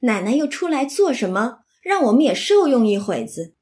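A woman's voice: a little high, very animated, moderate pace, darkish tone. A woman voicing a spirited young maid who talks back cheekily, read in a slightly raised storytelling voice. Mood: cheeky. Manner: cheeky, scolding.

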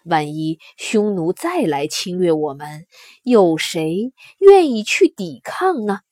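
A woman's voice: fairly low pitch, very animated, takes it slowly, mellow, no room sound, clean studio sound, exaggerated voice. A woman voicing a grieving male court minister who pleads earnestly before the emperor. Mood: grave.

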